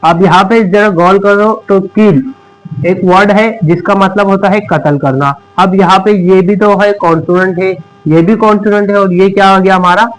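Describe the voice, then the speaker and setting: A man teaching an English reading lesson at a board, repeating questions and answering them himself, slowing down to spell out letters. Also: high voice, fairly even intonation, rough recording. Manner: repetitive call-and-response questioning; emphatic, slows down to spell out letters.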